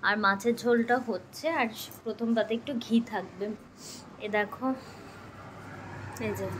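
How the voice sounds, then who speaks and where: A woman's voice: fairly high pitch, fairly bright tone, a little hiss or hum. Chatty woman vlogging from her kitchen. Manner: chatty, talks to viewers while doing kitchen chores, coaxing baby talk to a child. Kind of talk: casual home vlog narration. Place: home kitchen.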